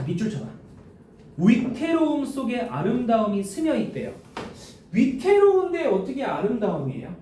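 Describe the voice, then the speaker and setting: A male high school teacher giving a classroom lecture, throwing quick questions at students in casual speech. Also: darkish tone. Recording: echoey classroom from a distance with faint noise.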